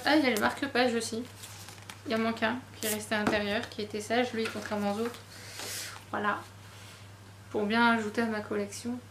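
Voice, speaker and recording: Woman book vlogger, casual haul chat, chatty and self-deprecating, fairly high voice, roomy sound with faint noise.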